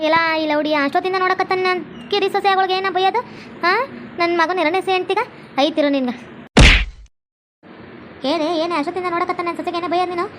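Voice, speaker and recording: A woman's voice: very high-pitched, steady tone, fast talker, long pauses, heavy background noise. A woman voicing a commanding, scolding middle-aged mother-in-law. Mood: bossy.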